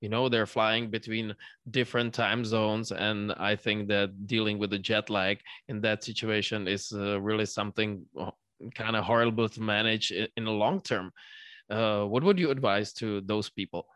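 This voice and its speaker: A man interviewing someone casually, haltingly searching for words and restarting his questions. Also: on the low side, steady tone, a bit bright, clean tone, no echo.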